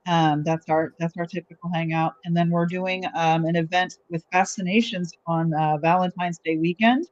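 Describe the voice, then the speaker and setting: A woman guest on a podcast, talking in casual chat in a halting way with lots of filler. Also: fairly low pitch, steady tone, dry recording. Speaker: podcast guest, artisan seller. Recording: dry, dull lo-fi sound.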